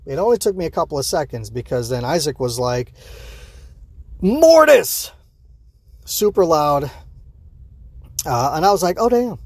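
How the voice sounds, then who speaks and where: A man's voice: medium pitch, creaky, a little mellow, no echo. A man hosting a show, giving a casual, rambling reaction recap full of fillers and acted-out quotes. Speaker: show host.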